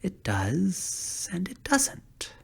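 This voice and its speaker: A woman's voice: lowish voice, wildly swooping pitch, extremely slow, gravelly, darkish tone, husky, full character voice. A woman voicing a cheerful, whimsical straw scarecrow in a dramatized audiobook, playful with whispery asides. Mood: musing.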